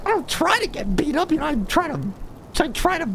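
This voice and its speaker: A man voicing an unhinged, hot-tempered, gullible clown menace in game role-play, stammering and sputtering excitedly. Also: very high-pitched, a little fast, vocal fry, background noise, full character voice. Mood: indignant.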